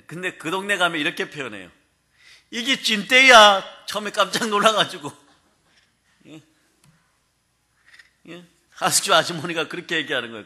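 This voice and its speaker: A male pastor preaching a sermon in a humorous, lively way, often prompting the congregation to answer. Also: a little high. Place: prayer house sanctuary.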